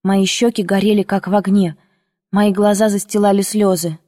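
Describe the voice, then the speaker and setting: A woman narrating a first-person audiobook in a measured, emotional storytelling manner. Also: mid-range voice, little pitch movement, dark tone, dry recording, studio quality. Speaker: audiobook reader.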